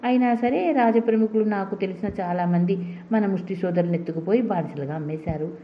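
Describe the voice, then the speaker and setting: A woman voicing a furious adult male beggar in a storybook reading, shouting in protest. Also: medium pitch, brisk, natural voice. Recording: dull lo-fi recording.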